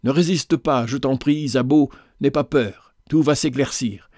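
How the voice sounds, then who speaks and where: A calm, measured older estate master and protective father, spoken by a male reader in nearly his own voice. Even and composed, with a dry, close sound. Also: mid-range voice, no room sound. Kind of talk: storybook reading.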